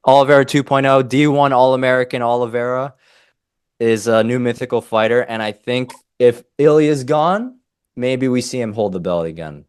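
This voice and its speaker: A young man co-hosting a casual fight-analysis podcast, opinionated and animated, often breaking off mid-sentence. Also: mid-range voice, normal speed, clean tone, no room sound, clean studio sound. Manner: animated, opinionated, self-interrupting. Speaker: MMA podcast co-host.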